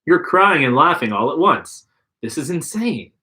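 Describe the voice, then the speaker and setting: Speaking a little high with big pitch swings, a man reads an interactive gamebook over a livestream podcast mic at a moderate pace. His tone is bright and forceful; narration stays plain while dialogue gets put-on voices.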